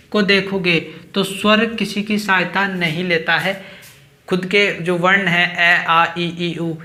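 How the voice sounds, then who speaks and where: Male teacher, high and bright voice, explains step by step, keeps checking in with the class. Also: rough recording. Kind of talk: exam-prep grammar lesson.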